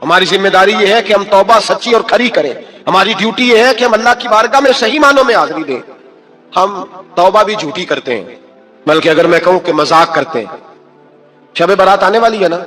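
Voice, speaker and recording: A man's voice: high-pitched, fairly bright tone. A man preaching an impassioned sermon, firing rhetorical questions at his listeners and alternating between scolding and pleading. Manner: fires rhetorical questions at the audience. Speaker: Islamic preacher.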